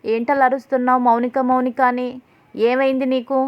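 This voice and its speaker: A woman's voice: high voice, little pitch movement, moderate pace, no echo, lightly acted. A woman voicing a domineering wealthy mother-in-law who scolds with contempt, in slightly dull audio. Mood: scornful.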